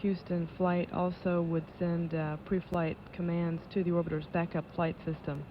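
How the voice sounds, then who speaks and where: A woman giving live launch control commentary as an official announcer, in a measured, matter-of-fact way. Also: on the low side, level tone. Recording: dull lo-fi broadcast audio with noise.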